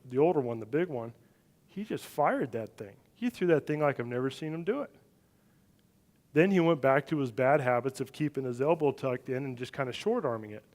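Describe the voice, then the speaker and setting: A middle-aged man preaching a sermon, telling a family story with animated, loud swings when he acts out what people said. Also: medium pitch. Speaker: pastor. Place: church sanctuary.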